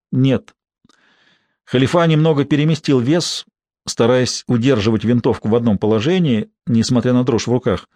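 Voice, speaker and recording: A man narrating a thriller audiobook in a measured, steady way. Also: mid-range voice, dry recording.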